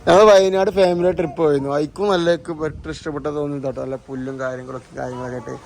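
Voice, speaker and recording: A man's voice: fairly high pitch, fairly even intonation, racing, creaky, a little mellow. A man with a Malabar Malayalam accent chats casually as a travel vlogger, mixing in English words and repeating exclamatory slang. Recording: noisy handheld vlog with background ambience.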